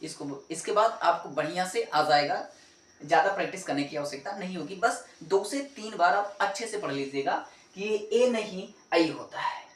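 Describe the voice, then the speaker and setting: A man's voice: high voice, lively intonation, moderate pace, fairly bright tone. A man teaching a pronunciation lesson, asking and answering his own questions and repeating each sound. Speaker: English teacher. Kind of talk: classroom-style pronunciation lesson. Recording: roomy echo, mic far off.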